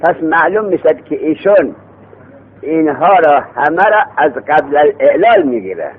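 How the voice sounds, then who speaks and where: A man teaching a lesson on grammar who quizzes his students and answers his own questions. He slows down to read the text aloud, then speeds up to explain it. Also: fairly high pitch, expressive, a little hiss or hum. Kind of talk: Arabic morphology lesson. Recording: tinny phone-like sound.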